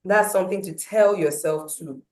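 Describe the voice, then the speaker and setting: A motivational speaker tells a story at a breakfast meeting, her loud, low voice swinging widely in pitch and loudness as she animates the tale. She speaks at normal speed, and the recording has a roomy echo.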